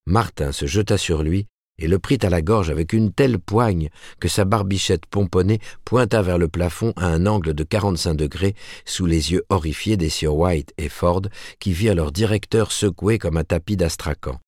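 A man narrating a novel aloud in a measured storytelling manner. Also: low-pitched, darkish tone, no echo, clean studio sound. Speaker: audiobook narrator. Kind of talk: scripted narration.

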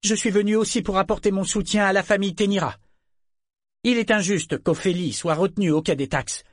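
A man's voice: high voice, a little fast, no echo, studio quality, pitched above the performer's own voice. A man voicing a young merchant woman who speaks out, raised and urgent. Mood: firm.

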